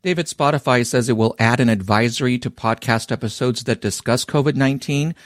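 A man's voice: mid-range voice, fairly quick, dry recording, clean studio sound. A man giving a scripted radio news report as a reporter.

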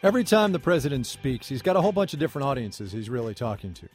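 A man hosting a radio news program, asking a panel of guests questions in a measured, conversational way. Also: mid-range voice, very animated, over music. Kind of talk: broadcast panel interview.

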